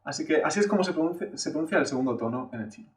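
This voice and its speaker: Rapid-fire and lively in intonation, a man with a fairly high voice teaches a patient, explanatory Chinese lesson on video, classroom style. He checks in often with "eh?" and exaggerates sample syllables to show tones. The room echoes and his voice sounds distant.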